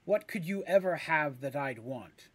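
A huge floating eye monster speaks slowly and with menace, as a man puts it on. Its words come deliberate and threatening, like a monster in a fantasy audio tale. The man doing it keeps a lively, somewhat high voice. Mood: menacing. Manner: deep, threatening, slow.

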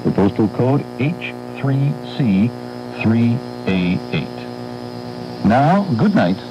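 A male station announcer giving a measured, formal sign-off, heard over fading shortwave radio reception. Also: mid-range voice, animated, gravelly. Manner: measured, reads frequencies and address. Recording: muffled noisy shortwave broadcast with mains hum.

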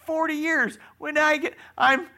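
A despairing escaped convict , put on by a man in a sermon, wails about his extra years in a strained, high voice. The tone is bright with a gravelly edge, and it keeps climbing in anguish. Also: flat delivery, a little slow, heavily acted. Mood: dismayed.

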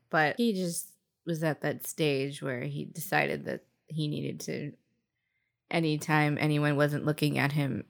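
A woman's voice: sits low, gravelly. A woman in her thirties co-hosting a podcast, talking casually with frequent fillers and giggles. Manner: chatty, giggly, lots of "like". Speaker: podcast co-host. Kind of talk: casual chat.

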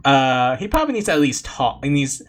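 A man's voice: medium pitch, big pitch swings, a little fast. A man takes his turn in a tabletop game. He talks hesitantly, with plenty of stalls and repeated words. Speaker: player. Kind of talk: casual tabletop game chat.

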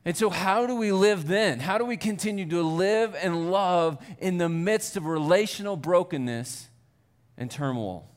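In church on a Sunday, a pastor preaches in a voice that sits high, speaking a little slowly. His sermon is chatty and self-deprecating at first before rising into earnest fervor.

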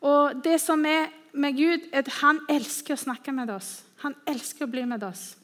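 A woman giving a sermon who tells stories earnestly and pauses with hesitant fillers. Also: sits high, fairly bright tone. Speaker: speaker.

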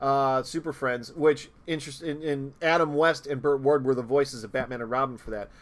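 A man's voice: mid-range voice, fairly even intonation, normal speed. A man co-hosting a podcast in casual chat, enthusiastic and laughing often. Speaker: podcast co-host.

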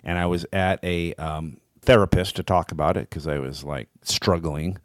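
A man's voice: low-pitched, steady tone, moderate pace, dry recording, studio quality. A man co-hosting a podcast in casual chat, reflective and searching for words with many fillers. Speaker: podcast co-host.

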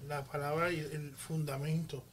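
A man with a high voice makes emphatic teaching points on a church podcast. He drives his ideas home with homely comparisons. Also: level tone, normal speed, a little hiss or hum. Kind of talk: casual church podcast talk.

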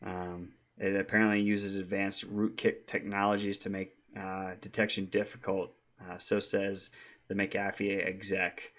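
A man's voice: low-pitched, completely flat delivery, unhurried, a bit bright. A man co-hosting a casual tech podcast, chatty, with frequent ums and easy laughs. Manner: chatty, laughs easily, many ums and restarts. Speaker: podcast co-host.

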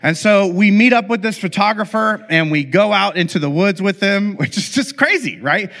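Middle-aged man, pastor, humorous story sermon, slightly high voice, long hall reverb. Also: expressive, moderate pace, fairly bright tone. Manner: conversational, joking, many fillers and restarts.

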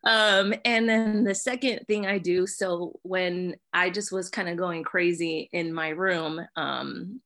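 A young woman sharing her personal story at church, hesitant and full of fillers, with soft laughs. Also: on the low side, steady tone, takes it slowly, hardly any pauses. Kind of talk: personal testimony.

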